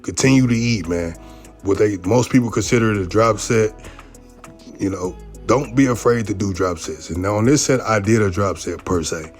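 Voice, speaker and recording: A man narrating his own workout footage as a casual instructional voice-over, talking in a relaxed, conversational way and often adding "you know what I mean". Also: lowish voice, moderate pace, soft background music.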